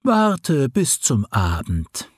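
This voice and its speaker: A man's voice: mid-range voice, huge pitch swings, very slow, dry recording, studio quality, full character voice. A man voicing a sleepy, curt old female owl with a snarling voice, in a storybook reading. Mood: brusque.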